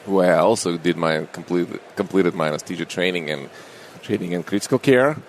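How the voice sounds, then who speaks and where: A man talks in an easy, unhurried manner. He is a middle-aged doctor being interviewed and sounds friendly. A faint hiss of noise sits under his voice. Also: sits low. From Russia. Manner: unhurried, friendly, with small grammar slips. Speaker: anesthesiologist guest. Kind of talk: casual interview conversation.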